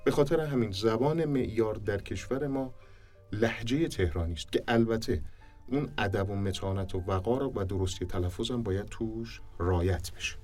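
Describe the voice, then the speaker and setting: A man's voice: lowish voice, darkish tone. A man, a speech and diction teacher, explaining things in an interview in an emphatic way and repeating his points for stress. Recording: distant mic with faint music behind.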